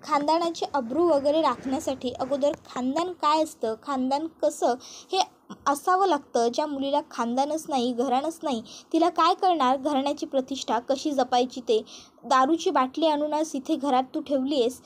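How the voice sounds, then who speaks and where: A woman reading the lines of a sharp-tongued young woman who lectures with contempt in a TV serial recap. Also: sits high, normal speed, lightly acted. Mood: scornful.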